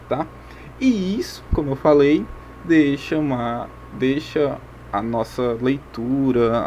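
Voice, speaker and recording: A man's voice: mid-range voice, a little mellow, slight background noise. A male teacher with a Brazilian Portuguese accent gives a recorded video lesson, explaining step by step and often checking in with "ok?" and "tá certo?".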